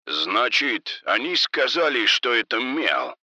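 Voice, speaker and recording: A man's voice: mid-range voice, sing-song, slow pace, bright, forceful tone, no echo, voice pushed up, exaggerated voice. A man voicing an angry drug boss who speaks harshly and menacingly.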